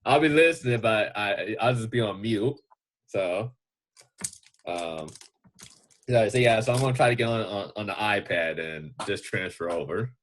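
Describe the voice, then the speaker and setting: A man's voice: fairly low pitch, normal speed. A man in a casual podcast chat, talking hesitantly with many fillers and restarts. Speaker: podcast guest.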